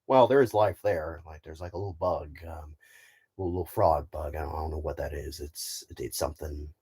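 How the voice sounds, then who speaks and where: A man playing a nervous spaceman hero, stammering in a low, halting voice as he explores a strange planet. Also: a little mellow, slightly rough, full character voice. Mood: uneasy.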